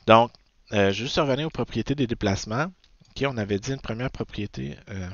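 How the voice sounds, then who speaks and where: With a gravelly, mid-range voice at normal speed, a Québécois-accented man teaches physics in a recorded lecture. He keeps asking "ok?" and fixing his own wording along the way. There's no room sound, and the recording is dull, dry and lo-fi.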